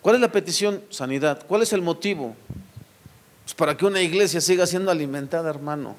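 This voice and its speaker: A man's voice: on the high side, brisk. A man preaching a sermon to his church, firing rhetorical questions at the congregation and addressing them directly. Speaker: pastor.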